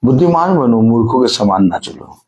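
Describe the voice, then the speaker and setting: A man's voice: medium pitch, expressive, normal speed, a little mellow, a little hiss or hum, poor audio. A male preacher delivering a sermon, repeatedly putting rhetorical questions to his congregation and drawing call-and-response answers.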